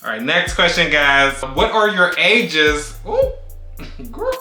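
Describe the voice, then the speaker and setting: A man's voice: a little high, very animated, takes it slowly, pushed and bright. A man in his thirties, a YouTube co-host chatting casually in a sassy, playful, dramatic way. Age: 30s. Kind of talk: casual chat. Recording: echoey room with faint music.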